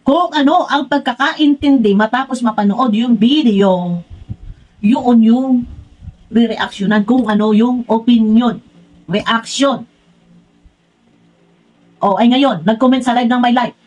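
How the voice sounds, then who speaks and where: Exasperated high-voiced woman ranting. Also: takes it slowly, long pauses, darkish tone, highs cut off. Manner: exasperated, scolding, piles on rhetorical questions. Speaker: vlogger. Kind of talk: ranting reaction vlog.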